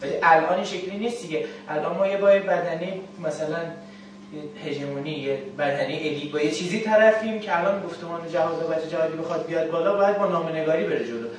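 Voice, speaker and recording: Man arguing from far off in an echoey class. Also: a little high. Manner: argumentative, rhetorical questions. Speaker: student. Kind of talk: classroom discussion. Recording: very echoey room, far from the mic, faint hiss.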